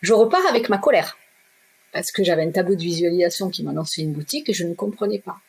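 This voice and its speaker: Husky middle-aged woman telling a story. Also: lowish voice, fast talker. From southwest France. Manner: direct, lively, acts out dialogue. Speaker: guest, shop owner. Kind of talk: animated personal storytelling.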